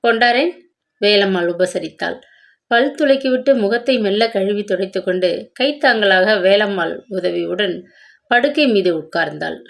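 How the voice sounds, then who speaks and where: A woman narrates a romance novel aloud in a steady, measured way. Her reading is calm and unhurried, with a clear storytelling cadence. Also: mid-range voice.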